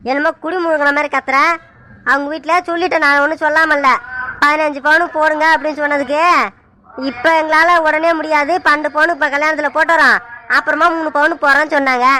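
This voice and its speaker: A woman voicing a tired middle-aged village husband in a cartoon, calming his shouting wife with exasperation. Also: high voice, fast, slight background noise. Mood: exasperated. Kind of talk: cartoon dub acting.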